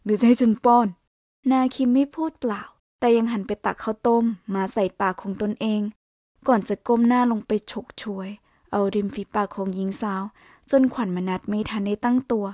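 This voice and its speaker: A woman narrating a romance story in Thai in a steady, unhurried storytelling voice that often drops soft and hushed. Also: medium pitch, no room sound, studio quality.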